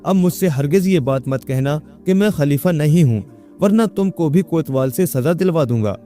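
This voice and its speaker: A man's voice: a little high, expressive, warm tone, soft background music, natural voice. A man voicing a young man who insists he is the caliph, speaking in a commanding, indignant way.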